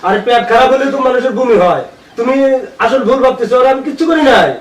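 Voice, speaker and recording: A man playing a cheating husband who loudly denies everything, then begs forgiveness. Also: high-pitched, animated, normal speed, recorded from a distance. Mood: defensive. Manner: defensive, loud denials. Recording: echoey room, off-mic, faint noise.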